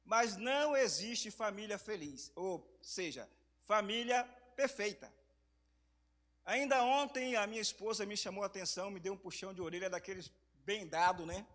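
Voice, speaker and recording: A hoarse man from Brazil preaching in a church, speaking slowly and softly, with louder passages when reading scripture. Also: high voice. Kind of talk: sermon.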